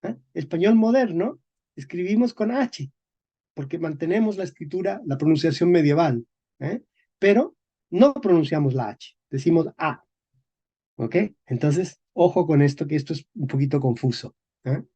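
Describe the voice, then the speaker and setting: A man teaching a class on historical sound changes, speaking slowly and deliberately, checking in with his listeners after nearly every phrase and repeating key words. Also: fairly high pitch, animated, mellow, husky, lo-fi sound. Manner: slow and deliberate, checks in constantly with "¿ok?" and "¿eh?". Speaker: teacher of Spanish historical phonology. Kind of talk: classroom lecture.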